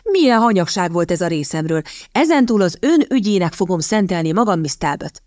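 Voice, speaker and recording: A woman reading the lines of a sardonic young gentleman in an audiobook, in a drawling, teasing tone of mock courtesy. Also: fairly low pitch, sing-song, no echo, studio quality. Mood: mock-gallant.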